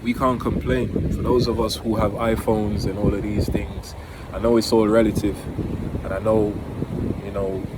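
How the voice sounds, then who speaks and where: Outdoors near his home by the water, a Jamaican-accented motivational vlogger gives an earnest, emphatic, informal talk, repeating key phrases. His voice is fairly low with little pitch movement and a moderate pace, and the recording is very noisy, with wind hitting the mic.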